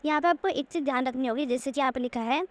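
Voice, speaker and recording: A woman teaching Korean in a slide-based lesson, patiently repeating words slowly to show their pronunciation. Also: high-pitched. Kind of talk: screen-share lesson explaining slides.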